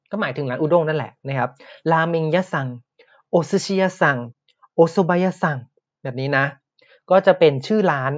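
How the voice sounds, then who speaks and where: A man teaching Japanese words in a podcast lesson, explaining patiently and repeating each word slowly. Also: on the high side, muffled recording.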